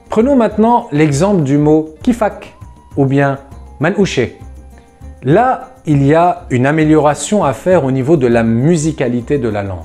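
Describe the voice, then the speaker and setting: A man teaching a language lesson to viewers, explaining patiently and slowing down to spell out words, with a lively, enthusiastic delivery. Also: fairly high pitch. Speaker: Lebanese Arabic teacher.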